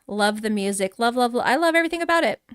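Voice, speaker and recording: A middle-aged woman hosts a live game stream, touring a game island while she chats casually and giggles as she reads out names from the chat. Her voice is on the high side, expressive and fairly bright, and she talks fast. The tone is clean, with no echo and clean studio sound.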